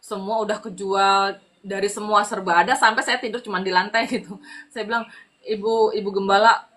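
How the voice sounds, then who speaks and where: A woman with an Indonesian accent tells her faith testimony in a relaxed, chatty way. Her voice is bright and forceful, and it leaps up in pitch whenever she acts out what someone said. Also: brisk, slight background noise. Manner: lively storytelling, acting out quoted dialogue with pitch jumps; casual, frequent fillers like "gitu". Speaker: guest giving testimony.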